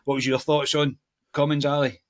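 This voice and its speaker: A man's voice: fairly high pitch, flat delivery, brisk, no room sound. Scottish man, podcast host, casual football chat, dry close sound. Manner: friendly, says "mate" a lot.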